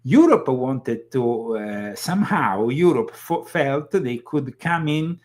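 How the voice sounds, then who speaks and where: A man hosting a political commentary show, talking casually with halting starts and many fillers. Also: medium pitch, animated, darkish tone. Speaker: host.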